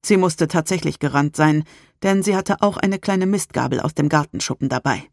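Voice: mid-range voice, moderate pace, vocal fry, dry recording. Tense, dry first-person audiobook narration.

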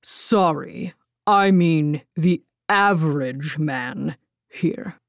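A woman voicing a weary giant man in an audiobook, speaking slowly and gruffly. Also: low voice, dry recording, studio quality, exaggerated voice.

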